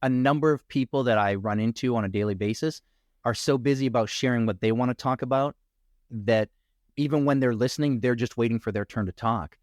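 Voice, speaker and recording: A coach joins a casual podcast conversation as a guest, speaking reflectively and in a measured way. His voice is mid-range with a darkish tone, and there's no room sound.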